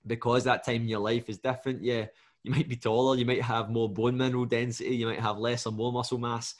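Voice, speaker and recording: A Scottish man with a mid-range voice hosts a relaxed podcast conversation. He talks animatedly and tells stories, often checking in with his listener. His manner stays casual and chatty throughout. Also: mid-range voice, fast talker. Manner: animated, storytelling, asks "do you know what I mean" often. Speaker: podcast host and fitness coach.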